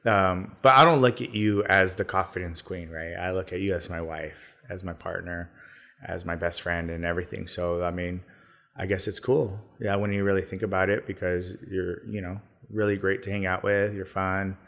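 A man talking casually as a podcast guest, relaxed and rambling with lots of fillers. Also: deep voice, moderate pace, gravelly. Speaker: podcast guest, business owner. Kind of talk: casual conversation.

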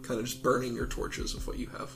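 A man improvising narration as a game master, informal and a little halting. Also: mid-range voice, completely flat delivery, vocal fry, fairly bright tone, soft background music, low-quality recording.

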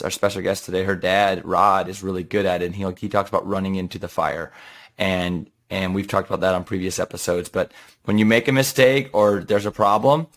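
A man with a deep voice talks casually as a podcast co-host, handing out advice. He is emphatic and drives key points home by repeating them.

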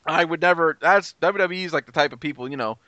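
A man's voice: a little high, quick pace, bright, forceful tone, no room sound, dull audio. A man as a guest on a casual podcast chat, blunt and swearing freely.

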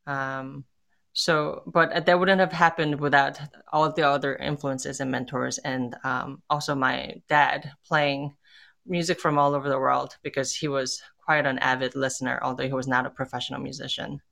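A woman born in Korea, a tango musician, talking in a casual interview, thoughtful and pausing often with fillers and restarts. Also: very deep voice, level tone, vocal fry, a bit bright.

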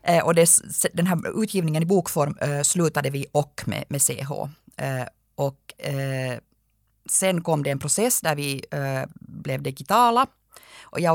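A woman with a Finland Swedish accent who edits a dictionary, explaining her work in an interview in a measured way with frequent hesitations. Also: low voice, vocal fry, no echo, studio quality. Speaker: dictionary editor. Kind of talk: radio interview answers.

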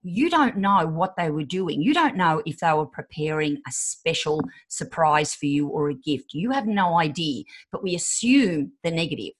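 A woman's voice: sits low, sing-song, normal speed, hardly any pauses, slightly rough. A woman in her fifties, a podcast guest giving relationship advice and acting out quoted voices. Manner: acts out quoted voices, emphatic.

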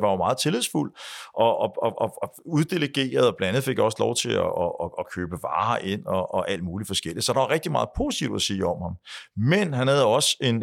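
A man, a business leader, telling a story from his working life in a halting, casual way with many restarts. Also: on the low side. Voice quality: creaky. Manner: halting, with frequent restarts and fillers. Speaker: podcast guest, business leader.

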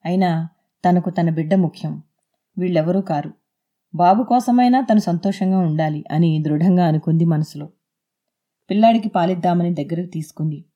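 Woman audiobook narrator, mellow dark tone, fairly low, lo-fi sound. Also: moderate pace. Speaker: narrator of serialized audio novel. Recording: dull lo-fi.

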